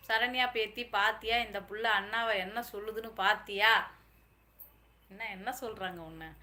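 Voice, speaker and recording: Bright-voiced woman hosting a live stream. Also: medium pitch. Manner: teasing and affectionate, calls viewers dear. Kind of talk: casual live-stream chat answering viewers.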